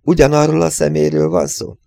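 A man's voice: fairly high pitch, sing-song, vocal fry, dark tone, no echo, pitched above the performer's own voice, exaggerated voice. A man voicing a stubborn, matter-of-fact male reasoner in a storybook reading. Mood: insistent.

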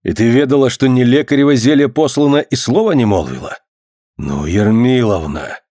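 A man's voice: medium pitch, animated, moderate pace, mellow, no echo, clean studio sound, natural voice. A man reading the part of a proud old-Russian boyar in an audiobook, speaking in a grave, archaic, indignant way. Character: proud, angry middle-aged old-Russian boyar lord.

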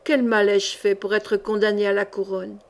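A woman's voice: medium pitch, level tone, moderate pace, natural voice. Woman voicing a raving mad king. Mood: brooding. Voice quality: raspy, powerful voice. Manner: ranting, thunderous outbursts. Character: mad middle-aged king, raving and bitter.

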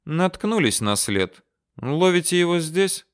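A man voicing a calm, menacing male desert soldier officer who talks softly and mockingly. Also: on the high side, measured pace, pitched above the performer's own voice. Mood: coolly mocking. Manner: soft, coolly mocking.

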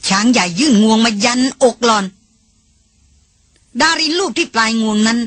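A woman reading an adventure novel aloud as an audiobook in a steady, measured storytelling voice. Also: on the high side, no room sound. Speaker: audiobook reader. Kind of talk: scripted narration.

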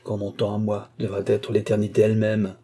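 A man voicing a furious ancient male alchemist, ranting in high, loud, shrill bursts. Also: moderate pace, gravelly, husky.

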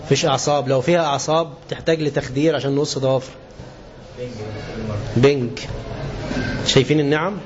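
A man with an Egyptian Arabic accent giving a colloquial religious lesson, often asking his listeners questions and slowing down to stress quoted verses. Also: mid-range voice. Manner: lively, asks the class questions and answers them; slows down and stresses scripture quotes. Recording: dull lo-fi lesson recording with faint hiss.

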